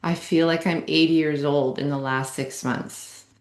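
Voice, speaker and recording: A woman's voice: low voice, fairly even intonation, unhurried, roomy sound. A woman coach interviewing a client, speaking in an encouraging, affirming way. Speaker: wellness coach and program host. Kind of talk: casual interview.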